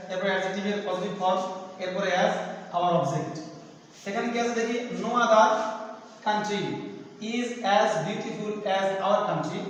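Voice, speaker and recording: A teacher giving a grammar lesson, explaining step by step and asking questions, then answering them himself. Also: male voice, high-pitched, slight background noise. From Bangladesh. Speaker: assistant teacher. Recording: echoey room, voice far from the mic.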